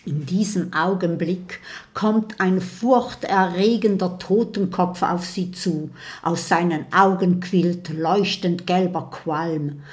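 Slow, dramatic woman storyteller. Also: lowish voice, darkish tone. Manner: measured, dramatic read-aloud delivery. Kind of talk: children's story narration.

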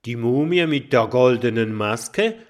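Kokosnuss: a man as a bright, eager little dragon boy, lively and unhurried. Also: medium pitch. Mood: friendly. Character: young male dragon, friendly and clever.

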